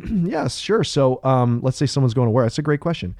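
A man's voice: medium pitch, very animated, a little fast, a little mellow, dry recording, studio quality. Earnest man explaining on a podcast. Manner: thinks aloud with restarts. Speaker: podcast co-host. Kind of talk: casual podcast discussion.

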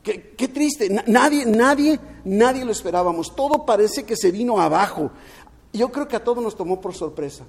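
High-voiced pastor preaching in a reverberant hall. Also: male voice, animated, moderate pace, gravelly, slightly rough. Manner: earnest, repeats words and restarts often. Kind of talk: sermon. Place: at home, streamed during lockdown.

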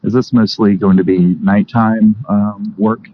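Low-voiced man on a dull, noisy recording. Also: fairly even intonation, measured pace. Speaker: committee member. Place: indoor committee meeting. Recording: dull, noisy meeting-room audio.

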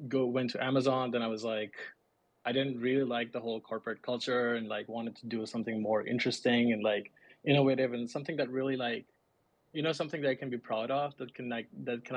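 A man's voice: mid-range voice, dry recording. A man from Pakistan, a guest speaking modestly and a bit hesitantly in a casual interview. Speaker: guest, software engineer.

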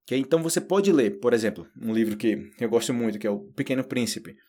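Brazilian guy teaching learners in a relaxed chatty way, kinda husky, keeps asking you questions. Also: medium pitch, quick pace. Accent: Brazilian Portuguese. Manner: chatty, asks the viewer questions. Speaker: language teacher. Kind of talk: casual video lesson for learners.

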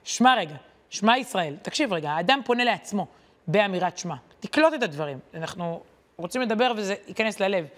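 Woman, Torah lesson, conversational, lively emphasis, frequent hesitation fillers, medium pitch. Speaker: Torah teacher.

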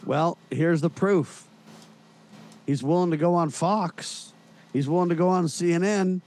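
Blunt joking guy guesting on a political show, voice sits a bit high. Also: measured pace, darkish tone. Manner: blunt, wisecracking. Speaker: guest host of another show. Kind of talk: casual political talk.

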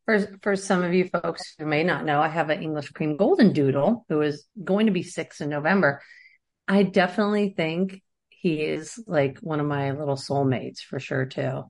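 A woman in her thirties co-hosts a relaxed podcast in a somewhat low voice. She talks casually with plenty of ums and likes, and she keeps breaking into laughter. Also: normal speed. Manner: laughs often, chatty with fillers. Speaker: podcast co-host. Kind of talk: casual chat.

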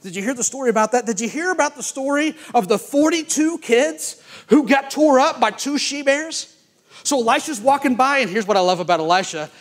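A man preaching a sermon, telling Bible stories in a folksy, animated way with playful asides. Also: extremely high pitch. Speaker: pastor.

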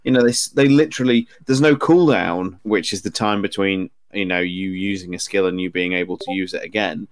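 A man's voice: low-pitched, a little fast, hardly any pauses, no room sound, clean studio sound. A man co-hosting a gaming podcast, talking in an emphatic, rambling way with restarts. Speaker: podcast co-host. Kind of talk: casual gaming podcast chat.

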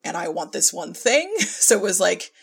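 A woman with a low-ish, creaky, slightly rough voice speaks in a sing-song way at normal speed as a podcast guest, an audio drama director and filmmaker. She tells work anecdotes informally, often quoting herself and chuckling.

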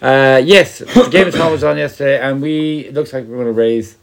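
A man's voice: medium pitch, brisk, crowd noise. A man in his forties with a west of Ireland accent, bantering casually as a jokey, sweary podcast host. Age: 40s.

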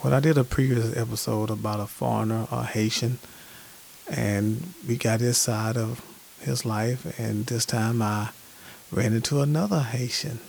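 A male podcast host with a gravelly, mid-range voice who opens with reflective rhetorical questions. He interviews his guests in a casual, conversational way. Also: medium pitch, steady tone, a little slow, darkish tone, slight background noise.

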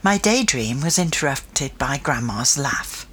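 Breathy woman reading a children's story. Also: extremely low pitch, measured pace. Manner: expressive first-person reading. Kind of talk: storybook narration.

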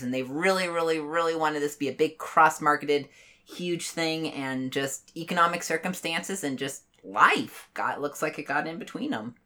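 Female co-host, low-pitched yet bright-toned, playful and giggly. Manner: giggly, playful, trailing off softly. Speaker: podcast co-host and researcher. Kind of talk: casual podcast chat.

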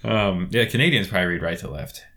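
Easygoing lower-voiced man co-host. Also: quick pace, fairly bright tone. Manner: joking, easygoing, hesitant with ums. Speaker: podcast co-host. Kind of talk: casual chat.

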